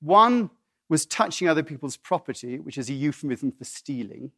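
Middle-aged English-born pastor, high-pitched, chatty and digressive sermon delivery. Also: male voice, expressive, moderate pace, pushed and bright. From England. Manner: conversational, digressive, with restarts and asides.

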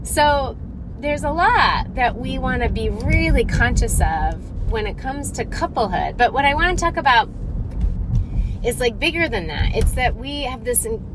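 Lady podcasting from her car, chatty and thinking out loud, phone mic kinda far away, lots of car noise. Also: on the high side. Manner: informal, thinking aloud with frequent rhetorical check-ins. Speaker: podcast host. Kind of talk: casual solo reflective talk. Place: inside a car. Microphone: phone, not held, at a distance. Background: vehicle noise.

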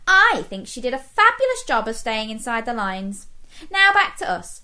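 A woman's voice: sits high, bright, forceful tone, voice pushed up, exaggerated voice. A woman voicing a sassy, neglected pink crayon in a children's storybook, in a bossy, indignant voice.

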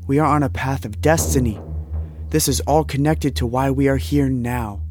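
A haunted, earnest male visionary voiced by an actor in an audio drama. His voice sits at a middle pitch, and he speaks formally, with solemn, intense conviction. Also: fairly even intonation, normal speed, soft background music, natural voice. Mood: bewildered, earnest.

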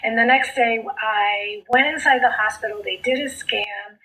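On a rough recording, a woman speaks on the high side with a sharp tone and fairly even intonation. A guest on a podcast interview, she's a middle-aged author and coach from South Texas whose first language growing up was Spanish, and she relates her story in an earnest, heartfelt way, slowly emphasizing phrases.

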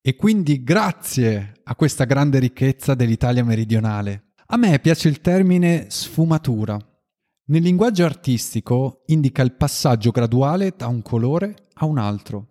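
An Italian man co-hosting an educational podcast for language learners, in scripted dialogue with measured, explanatory phrasing. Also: mid-range voice, animated, mellow. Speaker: podcast co-host.

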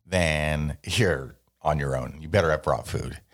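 Deep-voiced joking male podcast host. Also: measured pace. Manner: joking, self-deprecating, rambling. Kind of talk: casual chat.

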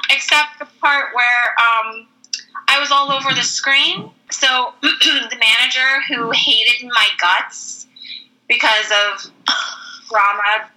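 A woman telling a casual anecdote in an animated way, full of "like" fillers, switching to a much higher pitch when acting out quoted voices. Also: slow pace, pauses often, a little hiss or hum, low-quality recording. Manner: animated, heavy use of "like" fillers. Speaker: storyteller.

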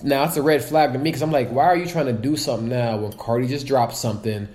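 A man's voice: medium pitch, steady tone, fast talker, a little mellow, echoey room. A man co-hosting a podcast, talking bluntly and animatedly in casual chat, swearing freely, with a sore throat. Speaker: podcast co-host.

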